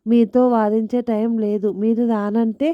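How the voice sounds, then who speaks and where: A woman voicing an excited, bossy middle-aged wife who chides her husband in a storybook tale. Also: fairly high pitch, measured pace, no echo, lightly acted. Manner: chiding, eager. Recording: dull lo-fi dry recording.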